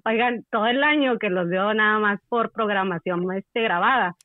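A woman's voice: mid-range voice, normal speed, no echo. Querétaro woman calling in over a muffled line. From Querétaro, Mexico. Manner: casual slangy, laid-back. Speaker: caller. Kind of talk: phone call-in.

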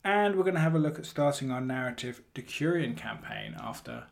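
A man hosting a hobby podcast in a casual, rambling, self-correcting way, recorded in the hallway of a flat. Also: mid-range voice, fairly quick, vocal fry. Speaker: podcast host.

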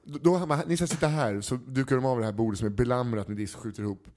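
A man in casual chat, telling a story and acting out the people in it with changing voices. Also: medium pitch. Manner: animated anecdote teller, acts out quoted people.

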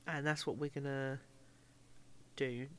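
A man's voice: medium pitch, level tone, slow pace, a little hiss or hum. A man co-hosting a podcast, jokey and swearing in casual chat. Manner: swears, jokey, laughs a lot. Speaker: podcast co-host.

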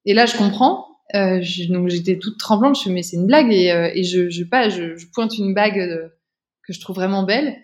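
A woman's voice: mid-range voice, moderate pace. A woman, a guest in an interview, telling a personal story casually, with many fillers and restarts.

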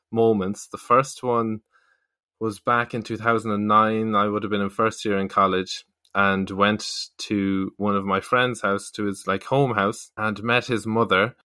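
A man's voice: lowish voice, bright, forceful tone, clean tone, no echo, clean studio sound. A man in his thirties with a west of Ireland accent, chatting casually as an interview guest on a podcast. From Galway, west of Ireland. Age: 30s.

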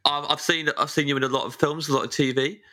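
A man's voice: a little high, fairly even intonation, fast, pushed and bright. A man hosting, asking curious, upbeat questions in a chatty interview. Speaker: host. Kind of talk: interview chat.

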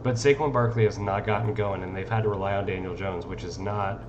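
Low-voiced laid-back podcast co-host, man. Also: fairly even intonation, a little fast, dull audio, background noise. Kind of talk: casual sports chat.

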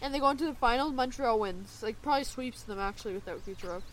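A woman's voice: fairly high pitch, quick pace, a little hiss or hum, low-quality recording. A young woman co-hosting a casual podcast, taking charge and moving the talk along. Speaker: podcast co-host. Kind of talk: casual chat.

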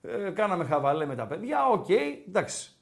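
A man co-hosting a sports talk show, telling anecdotes and acting out the dialogue in casual banter. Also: high-pitched. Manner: animated storyteller who acts out dialogue.

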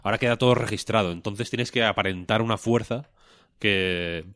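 Low-voiced rambling man. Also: normal speed, fairly bright tone, dry recording. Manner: rambling, self-mocking, swears freely. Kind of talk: casual chat.

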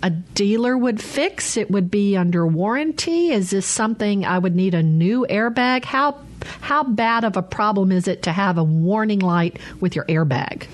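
A woman's voice: mid-range voice, lively intonation, moderate pace. Chatty woman hosting a radio call-in show. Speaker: radio host.

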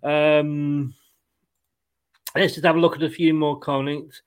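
A man's voice: on the high side, little pitch movement, slow pace. A man hosting a fan football show, chatting casually in an apologetic, talkative way.

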